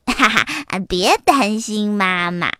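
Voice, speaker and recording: A bold little boy fox, bursting with excitement and boasting about his adventures, as a woman puts him on. The voice runs high and swoops widely, unhurried. It sits in a dry, close storybook recording. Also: dry recording, heavily acted. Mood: eager. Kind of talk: children's storybook reading.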